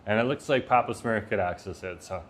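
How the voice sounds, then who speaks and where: Speaking a little fast over slight background noise, a man live streams from a Vietnamese restaurant using his phone. He chats easily, reads out messages from the chat, and laughs a lot, noting that his voice is loud and then bringing it down.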